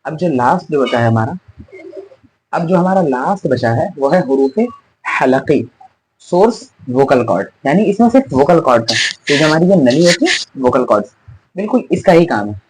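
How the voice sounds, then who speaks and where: A man's voice: on the high side, lively intonation, moderate pace, breathy edge, rough recording. A man teaching an online class, patiently explaining and drilling letter sounds, asking questions and answering them himself. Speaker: Tajweed teacher.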